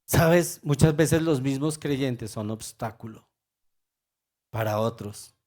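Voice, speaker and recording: A man preaching a sermon with passion, swinging between loud urgent calls and quiet low remarks. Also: slow.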